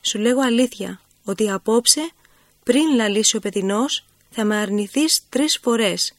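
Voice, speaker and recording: A woman reading the words of Christ as a gentle, grave man, in slow, solemn, measured speech. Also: a little high, no room sound, clean studio sound, lightly acted.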